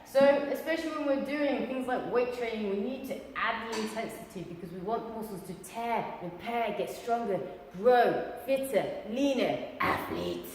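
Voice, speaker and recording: A bubbly, cheeky woman coaching on fitness, with a lively, bouncing pitch. She throws in whoops and asides as she talks. Her voice rings around an echoey hall with a long tail, and faint noise sits under it. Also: moderate pace, hardly any pauses. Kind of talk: casual fitness talk to camera.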